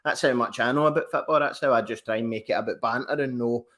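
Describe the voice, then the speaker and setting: A Scottish man chatting as a guest on a football podcast, joking, swearing and laughing often. His voice sits at a middling pitch. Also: fast, fairly bright tone. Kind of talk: casual football banter.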